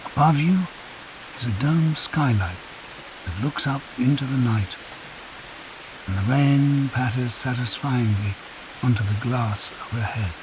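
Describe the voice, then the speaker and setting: A man narrating a guided sleep meditation in a soft, calm, unhurried storytelling voice. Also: mid-range voice. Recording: hissy recording with rain sounds behind. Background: rain.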